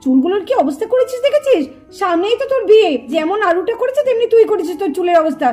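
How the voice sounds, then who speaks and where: A woman's voice: very high voice, lively intonation, racing, a little mellow, soft background music. A woman voicing a fussy young mother in a puppet cartoon, scolding and exclaiming. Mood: fussing.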